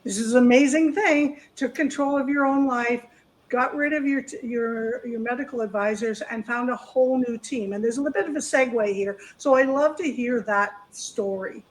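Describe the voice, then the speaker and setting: A woman's voice: a little high, moderate pace, slight background noise, rough recording. A woman hosting an interview, eagerly asking her guest to tell her story. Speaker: host. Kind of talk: interview questions.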